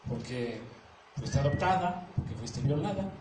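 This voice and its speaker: A man's voice: medium pitch, lively intonation, a little slow, roomy sound, background noise. A man with a Mexican accent giving a conversational talk on emotions, full of slang and acted-out examples. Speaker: speaker leading a talk on emotions. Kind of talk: lecture.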